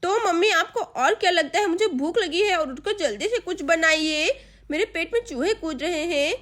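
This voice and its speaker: A woman's voice: extremely high pitch, expressive, moderate pace, fairly bright tone. A woman doing a rude, sulky little girl. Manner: snappy and complaining. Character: rude hungry young girl, sulky and bossy.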